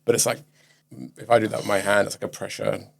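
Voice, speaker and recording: Gravelly male therapist. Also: on the low side, fast. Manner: calm, gentle, inviting questions. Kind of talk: gentle guided therapy session.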